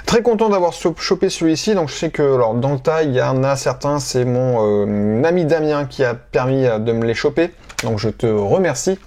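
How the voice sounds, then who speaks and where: A man casually showing off his collection on camera, talking unscripted and hesitantly with many pauses and restarts. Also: medium pitch, expressive, darkish tone. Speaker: collector presenting his purchases. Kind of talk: casual unscripted show-and-tell.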